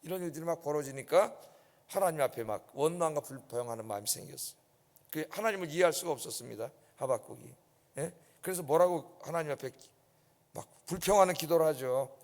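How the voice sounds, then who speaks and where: Speaking fairly high and fairly quickly, this pastor has a darkish tone as he gives an emphatic early-morning sermon. He regularly checks in with the people in the pews. The church sanctuary adds a long, lingering echo.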